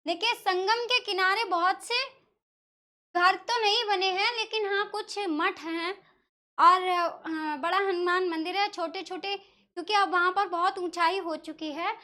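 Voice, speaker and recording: A woman's voice: very high-pitched, fairly even intonation, measured pace, pushed and bright. A woman teacher from northern India explaining a lesson step by step, asking questions and answering them herself. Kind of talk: classroom lesson explaining Sanskrit pronunciation.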